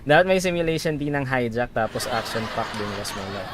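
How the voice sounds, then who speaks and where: A Filipino-accented man hosts a casual flight simulator stream. He is chatty, moving between procedures and viewers in a mid-pitched voice, with faint aircraft noise behind him. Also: animated, fast talker, crowd noise. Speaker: livestreamer, virtual pilot.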